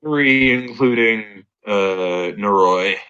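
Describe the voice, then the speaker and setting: A man playing a tabletop role-playing game in casual chat, halting and thinking aloud as he goes. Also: on the low side, bright, forceful tone, clean tone, highs cut off. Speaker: tabletop RPG player.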